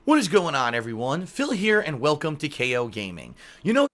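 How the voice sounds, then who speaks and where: A man reads a prepared game review through a metallic robot-voice effect that is kept fairly tame. His voice sits a little high for a man and comes across bright and sharp. He sounds slightly under the weather. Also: huge pitch swings, a little fast. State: sick. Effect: metallic robot voice filter, fairly subdued. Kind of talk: scripted review narration.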